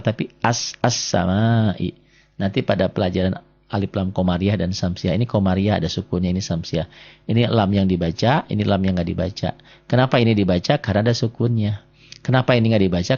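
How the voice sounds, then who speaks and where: A man teaches Quran recitation in a patient lesson, repeating each rule and slowly sounding out the examples. His voice sits low and has a gravelly edge. The recording is dull and lo-fi. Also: a little mellow. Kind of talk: classroom lesson.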